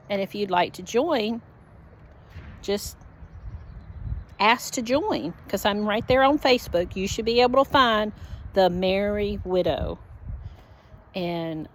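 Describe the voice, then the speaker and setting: An older widowed woman talking slowly and heartfelt in a casual personal vlog recorded at home. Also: medium pitch. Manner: slow, rambling, heartfelt. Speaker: vlogger.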